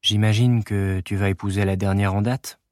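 A man doing a gloomy, flat-voiced young man. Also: lowish voice, normal speed, dry recording, studio quality, natural voice. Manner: flat, lifeless tone.

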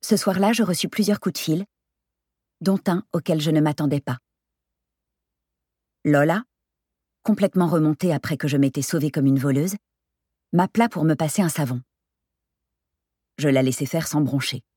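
A woman reading a first-person novel aloud in a steady, expressive storytelling manner. Her voice is low and husky. The recording is close and dry, with no room sound. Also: moderate pace, pauses often, no echo. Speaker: narrator. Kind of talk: first-person audiobook narration.

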